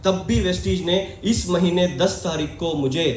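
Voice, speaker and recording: A man giving an energetic live motivational seminar talk, shouting questions out to his audience in a large hall. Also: high-pitched, moderate pace, a little hiss or hum. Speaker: motivational speaker. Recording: echoey hall with crowd.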